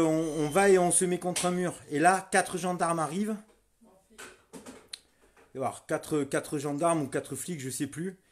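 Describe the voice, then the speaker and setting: A middle-aged man gives a first-person testimony as a volunteer street medic, his voice sitting a little high for a man. He talks in halting, repetitive bursts that swell into loud, indignant anger. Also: a little hiss or hum. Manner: starts subdued, grows loud and furious, repeats himself.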